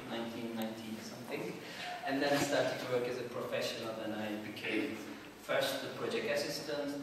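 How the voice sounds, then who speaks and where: A middle-aged man leading a group workshop in an informal, joking way. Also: medium pitch. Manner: informal, joking, loose phrasing. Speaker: workshop trainer. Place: large echoey hall with a group. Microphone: far camera mic. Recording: echoey hall from far off, noisy.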